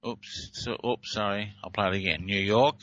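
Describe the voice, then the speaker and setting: A man's voice: on the low side, steady tone, normal speed, a bit bright, no room sound, dull audio. A man with an Australian accent hosting a talk show, explaining audio clips in a hesitant way with many fillers and restarts. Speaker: host.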